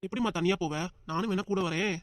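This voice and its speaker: A woman voicing a calm, coaxing elderly grandfather who keeps the peace in a family cartoon. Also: mid-range voice, fast, lightly acted. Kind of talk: cartoon dub acting.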